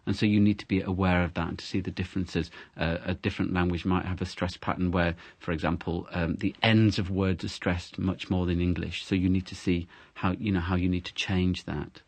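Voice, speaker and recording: A man's voice: deep voice, little pitch movement, a little fast, hardly any pauses, dry recording. A man, an English teacher, explaining word stress and exaggerating it in his examples. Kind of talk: explaining pronunciation tips.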